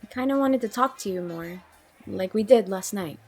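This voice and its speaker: In an audio drama featuring naturalistic amateur acting, a woman plays Nicole, a guarded, troubled young woman who is awkward and wary, speaking hesitantly and plainly in a guarded, confessional mood. Her medium-pitched voice is animated and slightly rough at a moderate pace, with faint music behind it.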